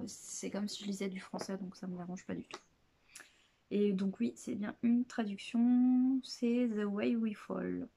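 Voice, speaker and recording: Brief: woman, book vlogger, mellow tone, casual and hesitant, lots of fillers, self-deprecating. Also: medium pitch. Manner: hesitant, many filler pauses and restarts. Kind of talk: casual chat presenting books.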